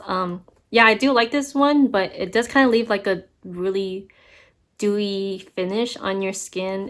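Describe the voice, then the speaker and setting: Chatty young woman reviewing skincare. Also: mid-range voice. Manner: chatty, candid, frequent fillers and laughs. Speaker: beauty vlogger. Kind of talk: casual product review.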